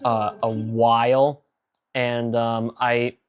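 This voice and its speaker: A man talking through his own old video in a slow, unhurried ramble, full of fillers. He picks at his past mistakes as he goes, with a voice of ordinary middle pitch. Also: little pitch movement, muffled recording. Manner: rambling and self-critical, many fillers. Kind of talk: casual director's commentary.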